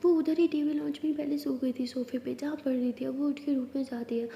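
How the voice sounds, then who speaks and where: Woman telling a story, high mellow voice, echoey room with long reverb. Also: a little fast, creaky, lo-fi sound. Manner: steady, expressive storytelling. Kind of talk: narrated love story with voiced characters.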